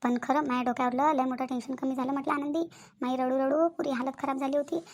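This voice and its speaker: A woman voices the anxious village women of a cartoon family drama, speaking high-pitched with a Vidarbha Marathi accent. Her homely, colloquial delivery is quick, emphatic and fretful, looping back over the same words with fairly even intonation and a darkish tone. The mood is distressed, and there's a slight hiss or hum.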